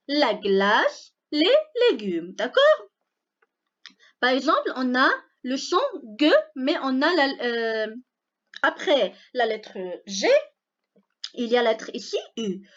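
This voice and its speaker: A woman teaching a spelling lesson to young pupils, going through each rule slowly and often checking that the class follows. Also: fairly high pitch, muffled recording. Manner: slow, repeats each rule with frequent checks of understanding. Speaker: primary school teacher.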